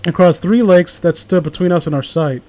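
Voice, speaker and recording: A man with a high, mellow voice reads a story aloud a little fast with a friend, keeping it casual. He jokes and swears, sarcastically interrupting his own reading with asides.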